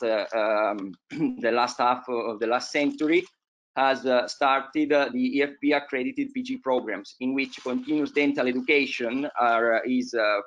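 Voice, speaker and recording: A man's voice: medium pitch, a bit bright, highs cut off. Hesitant man giving a dental lecture. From Italy. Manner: hesitant, many filler sounds. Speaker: periodontology lecturer. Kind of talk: online conference presentation.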